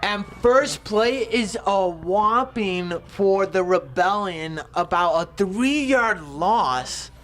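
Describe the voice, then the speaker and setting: A man doing excitable, rambling color commentation on a football game. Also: sits high, very slow, hardly any pauses. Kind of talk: live sports commentary.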